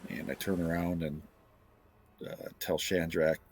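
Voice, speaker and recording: A man's voice: sits low, flat delivery, unhurried, gravelly, heavy background noise. A man talking casually as a player in a tabletop game, describing his moves off the cuff. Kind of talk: casual improvised game talk.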